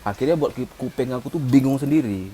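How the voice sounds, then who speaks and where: A man talking in a relaxed, casual chat, explaining things at length and voicing little sound effects to make his point. His pitch sits in an ordinary middle range. Faint background noise hums under the recording. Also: quick pace. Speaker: co-host, music mixing engineer.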